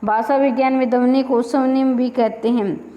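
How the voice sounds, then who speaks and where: A woman's voice: high voice, fairly even intonation, normal speed, long reverb tail, highs cut off. A woman teaching Hindi grammar for exams, who explains each point and then goes over it again as a likely test question. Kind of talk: exam-prep lecture.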